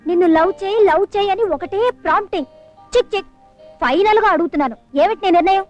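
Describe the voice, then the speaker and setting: Brief: giddy, teasing young daughter, very high voice, rapid chatter, dry sound, 1980s film. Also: female voice, highs cut off, soft background music. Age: young adult. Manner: bubbly, mixes in English words, catchphrase.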